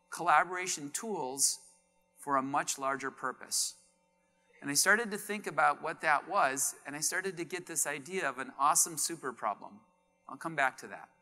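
Animated middle-aged man giving a keynote. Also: a little high. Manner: animated, acts out quoted dialogue. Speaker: keynote speaker. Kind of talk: conference keynote storytelling. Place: large conference stage.

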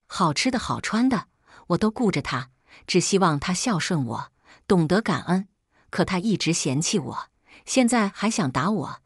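Woman narrator, low voice, breathy, very expressive first-person storytelling, dry close sound. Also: no room sound. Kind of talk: scripted narration.

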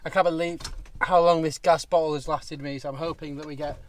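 A man's voice: on the high side, a little fast. A young man, chatting casually as he vlogs from his campervan and the lakeshore into an action camera. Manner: relaxed, chatty, thinking aloud. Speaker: travel vlogger. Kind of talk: casual vlog narration.

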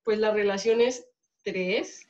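A Colombian woman teaches a chemistry lab class, pausing often to ask her students whether they follow. The recording is dull and lo-fi, made in a classroom. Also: mid-range voice, fairly even intonation, darkish tone. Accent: Colombian Spanish. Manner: checks in often with questions to students. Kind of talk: classroom lecture.

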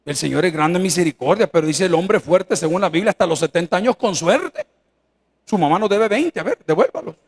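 A Salvadoran-accented pastor delivers a folksy, joking sermon in a church sanctuary. His voice is high-pitched, animated and brisk, and he mimics the voices of those he quotes.

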